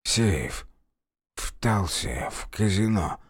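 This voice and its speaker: A man voicing a badly wounded young man who wheezes out his words in a weak, hoarse voice. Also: mid-range voice, very slow, darkish tone, no room sound, clean studio sound. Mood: weak insistent.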